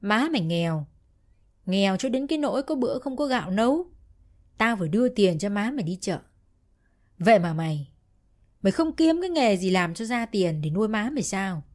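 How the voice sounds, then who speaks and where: A woman's voice: mid-range voice, sing-song, a little fast, pauses often, darkish tone, lightly acted. A woman voicing a drunk, bullying middle-aged stepfather who scolds in a slurred drunken voice. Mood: drunken scolding.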